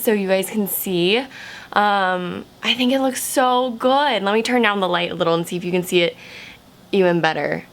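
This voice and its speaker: A woman's voice: medium pitch, a bit bright. A young woman chatting casually to camera in makeup check-ins, full of "like"s and easy fillers. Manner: chatty, filler-heavy with many "like"s. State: slightly hoarse, just woken from a nap. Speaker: makeup vlogger.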